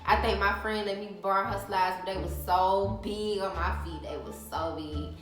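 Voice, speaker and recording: A young woman from Alabama, casually telling a story to her viewers in an animated, chatty way. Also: mid-range voice, moderate pace, reverberant, faint music behind. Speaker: vlogger.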